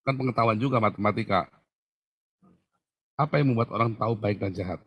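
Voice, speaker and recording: A man's voice: fairly low pitch, brisk, fairly bright tone, husky, dry recording. A male pastor answering a Bible question, teaching through emphatic questions he puts to his listener.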